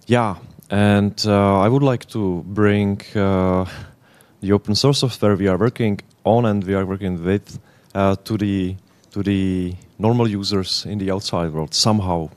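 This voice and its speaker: A man in his thirties from the Czech Republic with a Czech accent, giving a conference presentation in halting English, often searching for words. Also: lowish voice, steady tone, darkish tone. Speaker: conference speaker.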